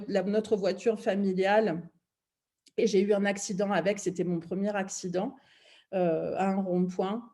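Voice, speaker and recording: A woman's voice: mid-range voice, mellow. A middle-aged woman speaking to an audience about parenting, reflective, often restarting her sentences. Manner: reflective, many restarts and fillers. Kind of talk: talk to an audience.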